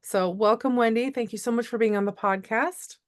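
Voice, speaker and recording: A woman hosting a grief podcast, speaking in a gentle, encouraging way. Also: a little high, moderate pace, no room sound, studio quality. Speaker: podcast host. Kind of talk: podcast interview.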